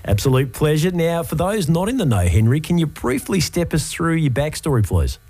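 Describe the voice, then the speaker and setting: A man's voice: a little high, sing-song, a little fast, darkish tone, breathy edge. A man with an Australian accent hosting a community radio interview, reading intros in an upbeat presenter manner. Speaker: radio host.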